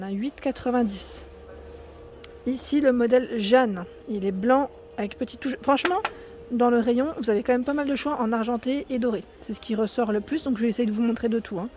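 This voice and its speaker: Walking the aisles of a large indoor home improvement store, a woman with a French accent gives an upbeat, casual tour for her shopping vlog, naming prices and sizes. She speaks with a fairly high, warm voice.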